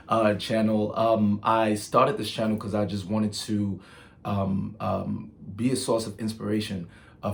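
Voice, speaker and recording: Gravelly-voiced man from Nigeria chatting. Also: on the low side. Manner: chatty and storytelling, with filler ums and restarts. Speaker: channel host. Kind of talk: casual vlog monologue.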